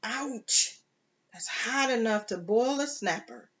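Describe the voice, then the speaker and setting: Reader putting on a gruff cynical pirate captain, slow and blunt, dull lo-fi sound. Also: medium pitch, a bit bright, natural voice.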